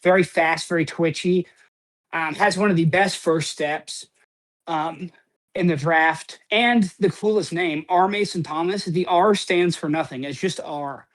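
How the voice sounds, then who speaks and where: A man's voice: a little high, a little slow. Guy co-hosting a podcast, rambly and loose, lots of um and like, drops a few swears. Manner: rambling, heavy on "um" and "like", casual swearing. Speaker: podcast co-host. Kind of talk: casual sports chat.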